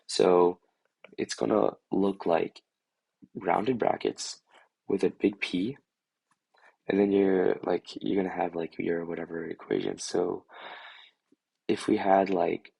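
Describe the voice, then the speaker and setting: A hoarse young man explains chemistry in a loose, rambling way, leaning on "like" and "um" as he works things out. His voice sits very low with a gravelly, husky edge. The sound is dry and close. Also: level tone, takes it slowly, long pauses, mellow, dry recording, low-quality recording. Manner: rambling, full of "like" and "um", thinking aloud. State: hoarse from a lost voice. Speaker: student tutor. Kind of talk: casual chemistry review over a drawing screen.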